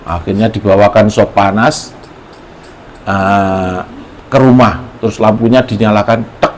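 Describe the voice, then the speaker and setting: A man, a religious teacher, telling a moral story in a lively, animated way. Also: on the low side, a little slow, slight background noise, rough recording.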